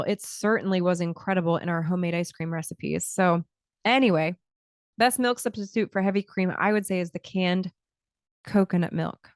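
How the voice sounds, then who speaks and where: A woman's voice: lowish voice, smooth, no room sound. A woman in her thirties hosting a health podcast from a small home studio, talking casually into a close studio mic, explaining things with frequent restarts. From Scotland, early childhood. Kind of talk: casual solo podcast talk. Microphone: large studio mic close to the mouth.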